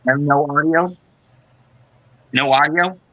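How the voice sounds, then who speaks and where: A man's voice: on the high side, fairly even intonation, slow, dry recording. A man on a call whose voice comes through muffled, as if heard through a wall or underwater, frustrated with his audio. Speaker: interviewer. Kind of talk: casual livestream chat.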